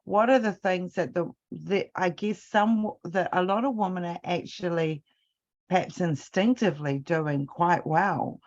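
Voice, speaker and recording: A woman in casual conversation about pregnancy care, pausing and searching for words. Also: lowish voice, a little mellow. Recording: dull lo-fi sound.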